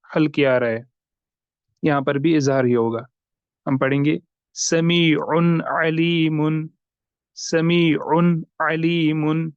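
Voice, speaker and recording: A man teaches recitation rules, spelling out words slowly letter by letter. His voice is slightly high and smooth. The sound is dry and a little dull, as if from a modest mic. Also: darkish tone, no room sound. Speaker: tajweed teacher. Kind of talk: online lesson.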